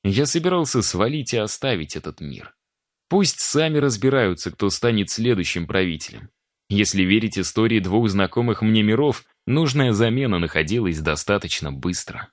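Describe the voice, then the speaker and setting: A man's voice: on the low side, animated, moderate pace, no echo, clean studio sound. A man narrating a first-person fantasy audiobook in a wry, conversational way.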